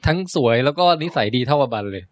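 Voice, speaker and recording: Fast-talking joking podcast man. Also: medium pitch, lively intonation, no room sound. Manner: joking, quick, asks curious questions. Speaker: podcast co-host. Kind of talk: casual science chat.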